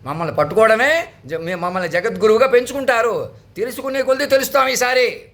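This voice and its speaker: A man's voice: very high voice, quick pace, a bit bright. A man who calls himself a spiritual leader, delivering a commanding, declamatory sermon full of repeated phrases. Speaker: self-styled spiritual leader. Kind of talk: proclamatory sermon.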